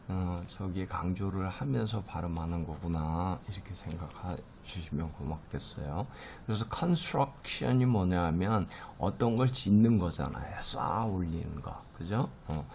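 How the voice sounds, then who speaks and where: A man's voice: deep voice, gravelly, darkish tone, slight background noise. A middle-aged man teaching a recorded lecture, explaining terms patiently with many fillers and stressing English words strongly.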